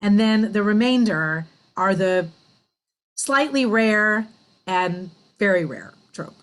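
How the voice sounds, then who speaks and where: A woman teaching cantillation in a class, explaining slowly and chanting the syllables in a drawn-out sung voice. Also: mid-range voice, expressive, low-quality recording. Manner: wry and self-deprecating with small laughs. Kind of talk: online class teaching Torah trope.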